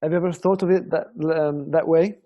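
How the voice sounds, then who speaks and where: With an Italian accent, a young man from Italy walks viewers through an online guitar lesson, explaining carefully and often asking them questions. His slightly high voice is brisk and steady, and the sound is lo-fi.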